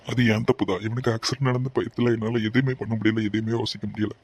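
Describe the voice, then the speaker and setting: Fields: man voicing a shaken, guilty young man, flat and quick. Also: medium pitch, husky, close to an everyday voice. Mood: subdued. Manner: subdued, guilty, consoling. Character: shaken young man after an accident, apologetic. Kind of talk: animated family drama dub.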